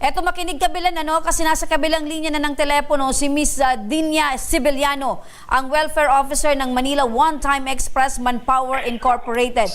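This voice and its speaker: Woman host of an aid program: high pitch, probes and recaps the caller's story. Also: fairly even intonation, fairly quick. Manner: probing, summarizes the caller's story back. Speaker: host of a public-service program. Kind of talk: radio interview.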